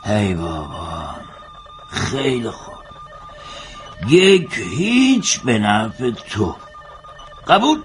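A man's voice: lowish voice, huge pitch swings, pauses often, faint music behind. A man voicing an impatient, sardonic police commander who gives curt orders. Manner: curt, exasperated. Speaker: senior police officer.

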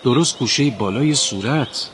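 A man narrating a children's animal story expressively. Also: mid-range voice. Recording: steady background hiss and noise.

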